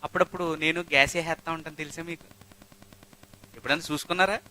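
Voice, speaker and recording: A male pastor preaching a lively sermon into a microphone, firing off rhetorical questions and swinging between loud exhortation and quiet asides. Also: on the high side, fast talker, poor audio. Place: church. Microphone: handheld microphone.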